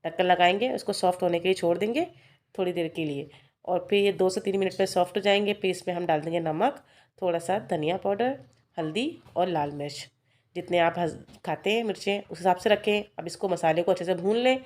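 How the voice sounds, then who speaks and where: A woman with a lowish, somewhat dark voice vlogs from her home kitchen, talking a little fast. She chats casually and walks viewers through each cooking step despite a sore throat.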